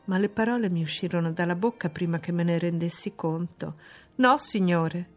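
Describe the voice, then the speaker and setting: A woman reading a classic novel aloud in a measured, expressive narration. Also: lowish voice, faint music behind. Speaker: audiobook reader. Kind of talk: scripted literary narration.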